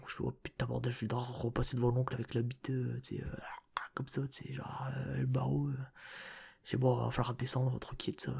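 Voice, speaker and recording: Husky whispering young man, slangy. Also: medium pitch. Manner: slangy, rambling, full of fillers; soft whispering close to the mic. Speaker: ASMR creator. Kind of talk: whispered ASMR storytelling.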